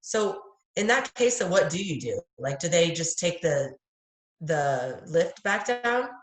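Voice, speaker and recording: A woman's voice: fairly low pitch, sing-song, unhurried, reverberant. A woman student in a class asking questions hesitantly, stumbling as she searches for words.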